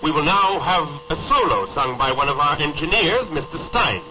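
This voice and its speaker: A man's voice: a little high, expressive, normal speed. A man playing an early radio inventor addressing ships at sea, speaking formally, heard over AM radio with a hum. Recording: muffled radio with loud hum.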